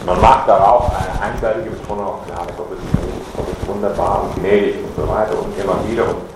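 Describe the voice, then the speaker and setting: A man preaching a Bible teaching sermon, explaining slowly with many pauses and fillers and stressing key words. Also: low voice, steady tone. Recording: echoey room with background noise.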